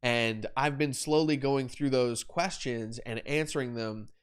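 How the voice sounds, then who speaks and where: Speaking in a clean, mid-range voice at a measured pace, a young adult man hosts a live photography Q&A stream. His explanations of lighting setups are rambling and self-correcting, with fillers and repeated words throughout.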